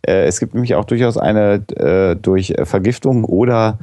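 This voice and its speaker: A man's voice: lowish voice, normal speed, dark tone, dry recording. A man co-hosting a casual discussion, making dry, precise remarks. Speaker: co-host.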